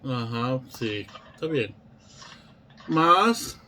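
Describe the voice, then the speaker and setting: A man's voice: mid-range voice, big pitch swings, very slow, pushed and bright, a little hiss or hum. A man teaching a Bible study in a preacherly way, asking rhetorical questions and often restarting his phrases.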